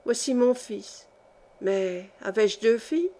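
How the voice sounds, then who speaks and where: A feeble old nobleman on his deathbed, voiced by a woman reading a storybook, his words coming in a slow, breathless murmur. He sounds frail and worn out, begging to rest, in a voice set slightly high. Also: animated, warm tone. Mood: weak pleading. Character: aged dying male count, weak and pleading.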